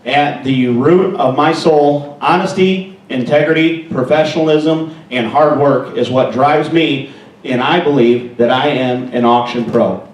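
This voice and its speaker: A man's voice: medium pitch, unhurried. An American man working as an auctioneer, speaking at a live competition. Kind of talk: competition interview answers and live auction chant. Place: large indoor hall at a live contest. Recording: echoey hall, distant microphone.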